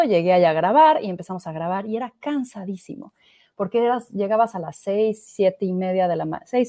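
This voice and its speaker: A woman in her thirties with a Mexican Spanish accent tells her story as a podcast guest in a casual conversational interview. Her voice is mid-range, and the studio-quality recording has no room sound. She's an expressive storyteller who acts out quoted voices.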